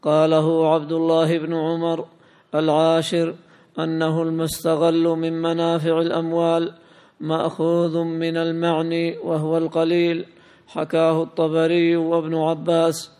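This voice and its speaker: Male student reader, somewhat high voice, steady chanting delivery, long hall reverb. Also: normal speed, clean tone. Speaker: student reading the text aloud. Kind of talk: reading a classical commentary aloud.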